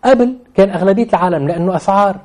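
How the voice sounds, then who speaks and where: A man's voice sits high with a darkish tone as he speaks very fast in a Lebanese Levantine Arabic accent. Appearing as an interview guest on real estate, he explains things spontaneously, repeating phrases with emphasis to press his points.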